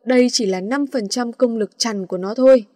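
A woman voicing a composed, weary young male teacher in a storybook reading, with calm, dry retorts. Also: on the high side, fairly quick, no room sound, natural voice.

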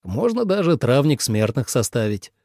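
A man's voice: medium pitch, big pitch swings, moderate pace, a little mellow, no room sound, studio quality. A man reading an audiobook voices a proud male celestial dragon with a pompous, haughty manner.

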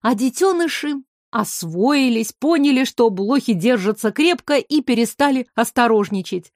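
A woman with a fairly high voice reads a story aloud in steady, expressive narration. The recording is dry and close, with no room sound at all. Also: normal speed, dry recording. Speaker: audiobook reader. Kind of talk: scripted narration.

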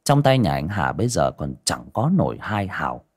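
A man narrating a dramatic story in an expressive storytelling manner. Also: low voice, moderate pace, slightly rough.

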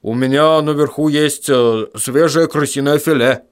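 A man's voice: a little high, a little slow, clean tone, natural voice. A man voicing a grumbling, stingy male dwarf who mutters with hesitations in a storybook reading.

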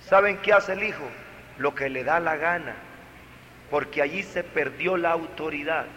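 A man preaching a sermon to families, emphatic and dramatic, with big swings from loud to soft. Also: a little high, normal speed, in a large hall, highs cut off, slight background noise.

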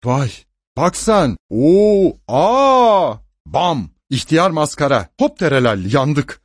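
A man's voice: mid-range voice, big pitch swings, brisk, no echo, studio quality, voice pushed up. A man voicing a gleeful young male law clerk who exclaims as he teases.

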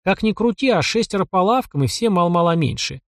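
A man's voice: high-pitched, expressive, a little fast, a bit bright, dry recording, clean studio sound, voice pushed up. A man voicing a wounded young village man who speaks bluntly and matter-of-factly.

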